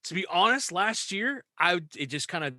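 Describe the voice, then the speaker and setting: A man's voice: sits high, sing-song, normal speed, bright, forceful tone, dry recording. A man from West Virginia hosting a podcast, upbeat and laughing often as he chats casually. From West Virginia, USA. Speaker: podcast host.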